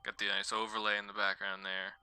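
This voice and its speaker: A man's voice: on the low side, monotone, fairly quick, sharp tone, clear, resonant tone. A man streaming a horror game live, chatting casually and stumbling as he reads the on-screen text aloud. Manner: rambling, stumbles while reading text aloud. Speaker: gaming streamer. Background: faint game music.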